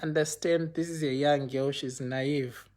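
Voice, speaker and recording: Speaking in a slightly high, unhurried voice, a man shares a personal story with his viewers. He's animated, performs the dialogue as he retells it, and scatters fillers such as "you know" and "okay" throughout.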